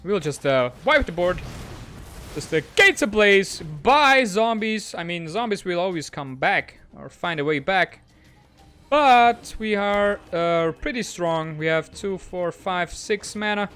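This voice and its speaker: This is a man with a notably high voice giving gameplay commentary. He talks quickly and excitably and pokes fun at himself. Faint background music plays beneath him. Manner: excitable, quick, self-mocking. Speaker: gaming channel host.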